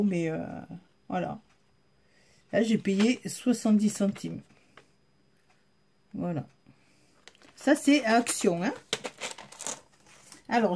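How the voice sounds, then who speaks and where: A woman's voice: mid-range voice, mellow, a little hiss or hum. A woman with a Southern French accent, chatting casually to her viewers as she shows off a haul, with frequent fillers. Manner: chatty, filler-heavy, addresses viewers directly. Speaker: haul vlogger. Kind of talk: casual show-and-tell chat.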